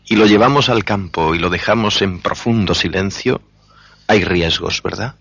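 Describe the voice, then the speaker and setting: A man interviewing a guest, asking calm, brief questions. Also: deep voice, moderate pace, creaky, slightly rough, no echo, dull audio.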